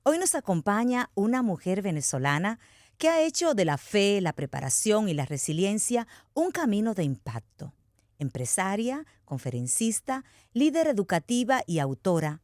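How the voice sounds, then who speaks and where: A woman's voice: medium pitch, a little mellow, no room sound, studio quality. A woman hosting a podcast, opening with a scripted introduction and then asking chatty, laughing questions. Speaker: podcast host. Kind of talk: hosting an interview.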